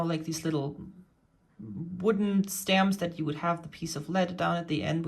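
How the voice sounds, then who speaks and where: A woman vlogger patiently explaining and pointing things out in a casual show-and-tell about her cross-stitch hobby. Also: fairly low pitch.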